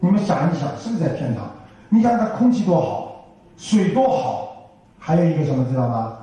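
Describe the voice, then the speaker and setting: A man's voice: on the high side, big pitch swings, fairly quick, mellow. An older man gives a folksy Buddhist dharma talk to an audience, full of rhetorical questions. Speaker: Buddhist teacher. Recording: echoey hall from far off.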